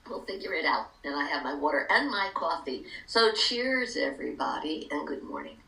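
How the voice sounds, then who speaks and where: A woman's voice: sits low, sing-song, moderate pace, gravelly, pushed and bright. An older woman with a dry mouth and sticky speech, giving a candid, casual motivational talk. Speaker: speaker leading a spiritual recovery talk. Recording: echoey room, distant mic.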